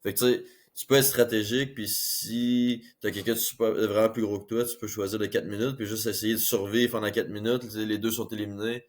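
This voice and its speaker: A man's voice: fairly low pitch, little pitch movement, fairly quick, few pauses. A man with a Québécois accent, a team captain eagerly explaining things in a casual interview, with many repeated fillers.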